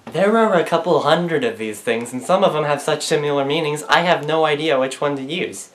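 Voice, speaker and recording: A man's voice: a little high, brisk, a bit bright. A young man presenting a comedic explainer video in a dry, sarcastic, self-mocking way. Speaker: student presenter. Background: music.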